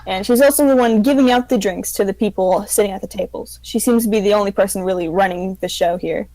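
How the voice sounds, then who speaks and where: A woman game master improvising casual tabletop narration in an informal, halting way. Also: medium pitch, warm tone, no room sound, rough recording.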